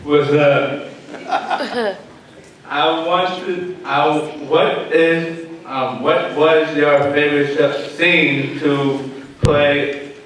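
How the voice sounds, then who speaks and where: A man in the audience asking a panel question, hesitant and halting. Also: a little high, fairly even intonation, a bit bright. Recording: echoey hall, far from mic.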